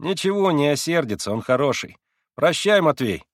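A man's voice: fairly high pitch, very animated, moderate pace, no echo, studio quality, voice pushed up. A man doing a cocky, lecturing schoolboy. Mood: brash lecturing. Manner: brash, teasing, lecturing.

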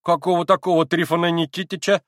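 A flustered, dim-witted young clerk yells the same words over and over, as a male reader voices him. His voice jumps far above the reader's normal pitch. The sound is dry and close. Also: little pitch movement, quick pace, dry recording, lightly acted. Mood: agitated shouting. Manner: shouting, repetitive, flustered.

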